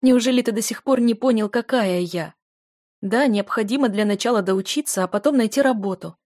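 A woman's voice: medium pitch, brisk, a little mellow, no room sound, studio quality, close to an everyday voice. A woman voicing a desperate young female student in love, pleading emotionally with a raised voice.

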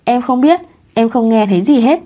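Woman narrator as a dry, sharp-tongued young wife, mellow steady storybook read. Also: a little high, brisk, close to an everyday voice. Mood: coy.

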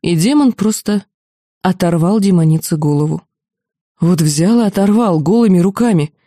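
A woman narrating an audiobook in a lively, expressive first-person reading. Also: fairly low pitch, moderate pace, dry recording, clean studio sound. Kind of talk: scripted narration.

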